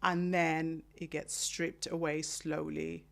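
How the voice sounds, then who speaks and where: Kenyan-born woman in her thirties, interview guest and author; animated storyteller who acts out quotes. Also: low-pitched, takes it slowly, vocal fry.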